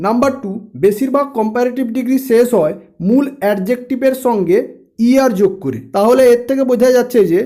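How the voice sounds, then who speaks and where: A man's voice: very high voice, fairly quick, mellow. A man teaching English grammar, explaining step by step and spelling words out letter by letter.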